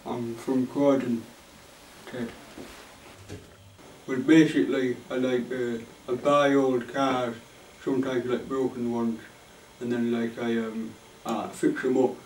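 A young man acts out a dull game show contestant. He rambles hesitantly in a flat deadpan, recorded from a distance in an echoey room. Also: mid-range voice, slow pace, pauses often, a little hiss or hum, natural voice. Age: young adult. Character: dull, plodding male car-dealing game show contestant. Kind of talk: game show parody sketch. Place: small indoor room with makeshift set. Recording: echoey room, distant mic, faint music.

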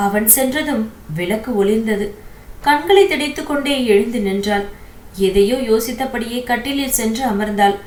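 A woman narrating an audio novel in a steady, even storytelling voice. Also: on the high side, moderate pace. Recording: echoey room with faint hiss.

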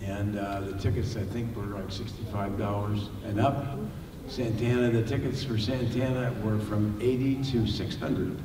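An older man answering audience questions on a panel, halting with many fillers and restarts. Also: fairly low pitch, fairly even intonation. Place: large library hall with audience. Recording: echoey hall, distant mic, noisy.

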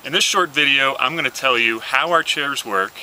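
A man, the inventor, presenting and demonstrating his product in an earnest pitch, talking through each movement. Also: normal speed, bright, forceful tone. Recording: slightly distant mic, faint outdoor noise.

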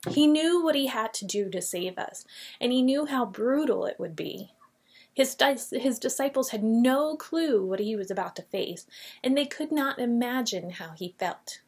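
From a small painted classroom office, a woman in her forties records a kids' Bible lesson on her desk webcam, animating the story and reading scripture out loud. Her voice is a little high and husky with a darkish tone, lively intonation, and normal speed.

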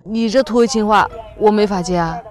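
A woman's voice: medium pitch, a little fast, a little mellow, close to an everyday voice. An actress in her twenties playing a bashful but teasing young newlywed wife in a romantic comedy drama. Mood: coy. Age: 20s.

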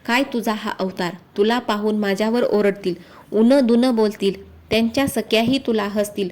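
A woman's voice: mid-range voice, fairly even intonation, normal speed, a little mellow, close to an everyday voice. A woman reading as a worried palace maid.

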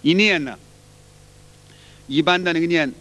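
At a measured pace, this man's high-leaning voice sounds pushed and bright. Teaching qigong in a casual lecture, he keeps things folksy and repetitive, singing chants aloud as demonstrations, with heavy hall-like reverb around him.

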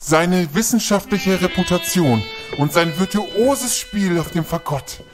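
An actor playing a pompous, fame-hungry shapeshifting villain scientist in a youth audio drama, with theatrical delivery. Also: male voice, high-pitched, expressive, measured pace, over music.

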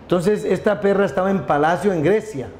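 A middle-aged company founder, appearing as a guest in a casual storytelling interview, tells a long, rambling story full of restarts and repeated words. His slightly high, darkish voice moves a little fast. He's indoors in a room with a wooden wolf statue, where there's noticeable echo and faint noise underneath.

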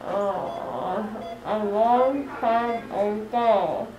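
A woman's voice: medium pitch, extremely slow, distant mic, dull audio, a crowd in the background. A young woman groggy from anesthesia, giving short, hesitant, mumbled replies through a numb, cotton-packed mouth. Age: young adult. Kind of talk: casual chat. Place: small clinic room, later a parked car. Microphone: handheld camera nearby.

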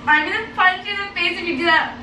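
A woman's voice: very high voice, steady tone, quick pace. A giggly drunk woman in her twenties chatting casually in slangy, exclaiming bursts. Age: 20s. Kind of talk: casual chat while doing makeup. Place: small home room, indoors. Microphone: camera a few feet away. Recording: echoey, distant camera mic, noisy.

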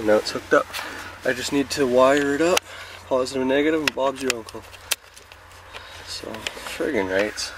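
A Canadian-accented vlogger in his twenties chats casually into his camera's built-in mic, held in hand or at arm's length, in a laid-back, slangy, rambling way. His pitch is medium, and the handheld audio is noisy with vehicle and ambient sounds.

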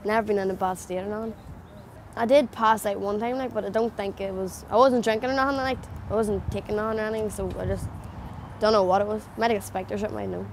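A young Northern Irish woman speaks casually and matter-of-factly in a documentary interview, using local slang. Her voice is mid-range, with a little hiss or hum in the recording.

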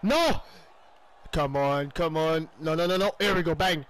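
Excitable high-voiced Quebec French man. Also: normal speed. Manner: excitable, loud outbursts, sprinkles English exclamations. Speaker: gaming YouTuber. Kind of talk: playful play-by-play commentary of his own hockey video game.

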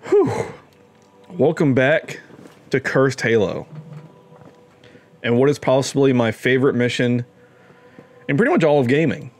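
A man's voice: medium pitch, animated, unhurried, long pauses, a little mellow, soft background music. A young man casually commenting on his gameplay, playful and given to mock-dramatic exclamations. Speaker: let's play gamer.

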